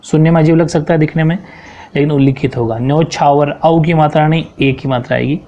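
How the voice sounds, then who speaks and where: A man's voice: a little high, steady tone, fairly quick, dark tone, highs cut off. A man teaching a grammar lesson, explaining corrections one by one and often checking in with his students.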